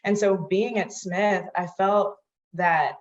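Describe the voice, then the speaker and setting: A woman from New York, a guest giving an earnest, measured account of her own experience. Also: mid-range voice, fairly even intonation. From New York, United States. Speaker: guest, inclusion administrator. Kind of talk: reflective personal account. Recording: dull, muffled audio.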